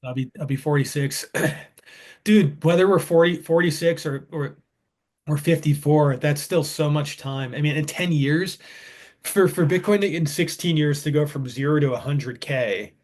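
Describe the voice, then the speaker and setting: High-voiced man in his thirties, rambling. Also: moderate pace, a little mellow. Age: 30s. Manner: rambling, restarts often, enthusiastic. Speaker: podcast co-host. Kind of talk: casual chat.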